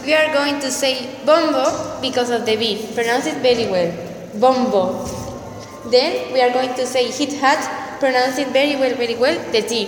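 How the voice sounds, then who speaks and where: A woman's voice: sits high, moderate pace, hardly any pauses. A woman with a Spanish accent explaining a step-by-step tutorial, enunciating carefully and repeating her instructions. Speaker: presenter. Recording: roomy hall echo, faint noise.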